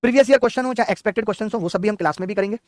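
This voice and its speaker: A young man runs a live online math class, talking at a breakneck clip and urging students on. His voice sits high for a man. It is recorded dry and close, with no room sound. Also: dry recording. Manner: rapid, exhortative lecturing. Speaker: math teacher.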